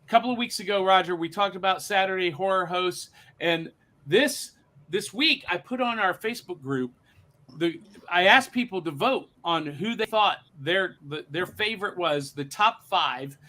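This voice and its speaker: Bright, high-voiced man hosting. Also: animated, moderate pace. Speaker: host. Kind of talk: casual chat.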